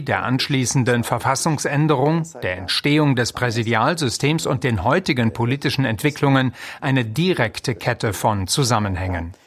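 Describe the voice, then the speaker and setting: Earnest man analyzing in an interview. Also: medium pitch. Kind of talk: interview statement.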